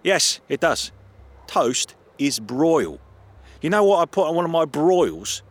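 A man's voice: medium pitch, moderate pace, pitched above the performer's own voice, lightly acted. A man putting on an eager young artist. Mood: teasing. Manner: animated, playful teasing. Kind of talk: audio drama acting.

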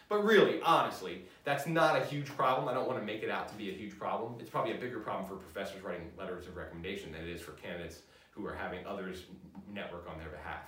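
A man's voice: lowish voice, a bit bright. Casting: male lecturer, chatty and unscripted, heard from a distance in a roomy classroom. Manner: conversational, frequent fillers and restarts. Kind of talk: university lecture. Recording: roomy echo, mic at a distance.

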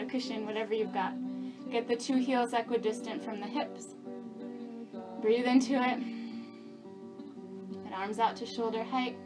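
A woman's voice: a little high, low-quality recording. A woman teaching yoga, giving encouraging, easygoing step-by-step cues and counting breaths over the movements. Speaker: yoga instructor. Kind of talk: guided yoga class instruction with breath counts. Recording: plucked guitar music behind the voice. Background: guitar music.

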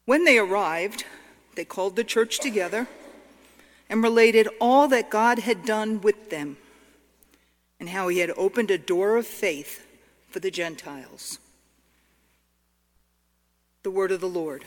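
A woman reads scripture at a very unhurried pace, phrasing each part formally and solemnly. Her voice rings out with the long echo of a big, cathedral-like church. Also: mid-range voice. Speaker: scripture reader at church service. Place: large church.

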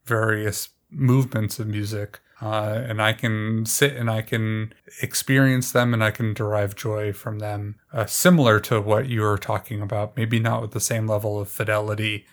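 A man co-hosting a podcast, talking in a measured, argumentative way in casual chat. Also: fairly low pitch, level tone. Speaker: podcast co-host.

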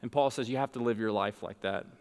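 A man's voice: medium pitch, quick pace, smooth. Man preaching in a reverberant hall. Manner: earnest, swings from emphatic preaching to quiet storytelling. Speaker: pastor. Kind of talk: sermon.

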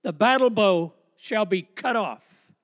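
A man with a big preacher's voice, proclaiming scripture as he reads it aloud at a pulpit microphone. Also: high voice. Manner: slow, proclaiming delivery. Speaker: pastor and missionary reading scripture. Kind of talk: formal scripture reading aloud. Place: large church hall. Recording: long hall reverb.

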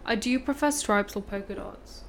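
A woman's voice: medium pitch, normal speed, slight background noise. A woman from Punjab, an artist, chatting playfully and bluntly about art and taste. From Punjab, India. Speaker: artist, podcast guest. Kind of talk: casual chat.

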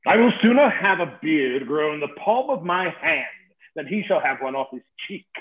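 A man's voice: fairly high pitch, very animated, normal speed. A man playing a boastful, witty old knight, mocking and savoring his insults in a theatrical play reading. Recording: tinny phone-like sound in an echoey room.

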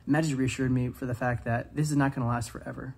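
Reading scripture aloud during an earnest devotional talk, this student speaker in his twenties keeps things casual and heavy on fillers like "um." His medium-pitched voice is gravelly and a bit mellow, held at a steady tone and a quick pace.

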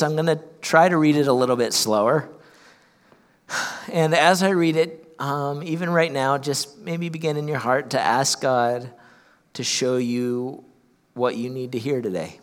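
A man's voice: mid-range voice, a little slow. A man from Ohio preaching a sermon as pastor, earnest, often repeating words as he restarts. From Ohio, USA. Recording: long hall reverb.

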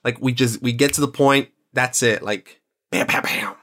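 A man's voice: mid-range voice, normal speed, a bit bright. A man hosting a podcast in casual chat, rambling and enthusiastic, with plenty of fillers and restarts. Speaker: podcast host.

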